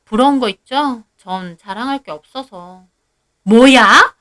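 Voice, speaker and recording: A woman's voice: on the high side, lively intonation, normal speed, a bit bright. A woman narrating a scripted first-person story in a plain-spoken, indignant way.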